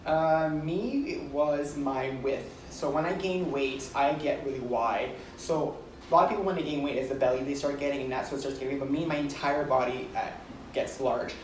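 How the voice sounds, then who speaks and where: A man in his thirties chatting as a vlog co-host on a cruise ship balcony, friendly and explanatory, often agreeing with a quick yeah. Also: medium pitch, reverberant, distant mic, a little hiss or hum, poor audio. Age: 30s. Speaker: vlogger co-host. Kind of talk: casual chat.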